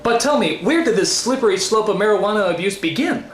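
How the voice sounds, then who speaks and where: Quick-paced and expressive, this American man's voice sits high as he hosts a scripted comedy review full of theatrical incredulity and exasperated ranting. There's a roomy echo and faint noise in the background.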